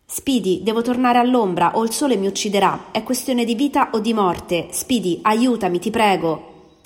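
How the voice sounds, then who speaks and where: A woman voicing a male space engineer, pleading and shouting in despair in a storybook reading. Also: fairly low pitch, fairly even intonation, moderate pace, lightly acted. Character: desperate male space engineer under stress. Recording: long reverb, faint music behind.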